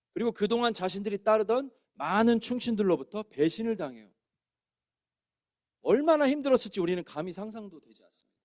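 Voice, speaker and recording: Man, pastor, preaching a sermon, raised pitch, very lively intonation. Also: no room sound, clean studio sound. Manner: animated preaching, acting out quoted voices. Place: church sanctuary.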